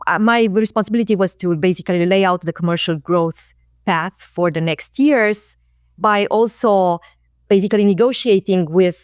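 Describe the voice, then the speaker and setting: A woman in her forties with a lowish voice, recalling her career as a guest in a casual interview. She speaks reflectively, hesitating with fillers and restarts. The recording is dry and close. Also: no room sound. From Romania. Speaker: guest, marketing executive.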